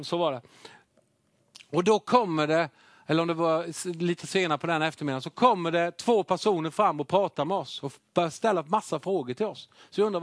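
Man, preacher, middle-aged, lively self-mocking storyteller, slightly high voice, dry sound. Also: no room sound. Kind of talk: sermon testimony.

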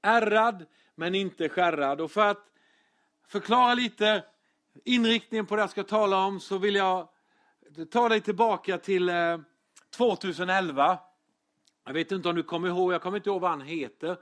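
A man's voice: high-pitched, fairly even intonation, pauses often, fairly bright tone. A man preaching a casual sermon, telling stories with humor and many fillers. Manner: chatty storytelling with humor and fillers. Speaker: pastor.

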